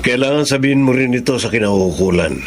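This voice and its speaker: A man playing a calm doctor giving measured advice in a radio drama. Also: medium pitch, slight background noise, natural voice. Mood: advising. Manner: measured, advising.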